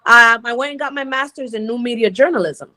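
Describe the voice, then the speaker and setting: A woman in her forties from Rhode Island, a DJ guest telling her story in a relaxed interview, laughing easily. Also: a little high, fairly quick. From Rhode Island, United States. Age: 40s. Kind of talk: casual interview chat.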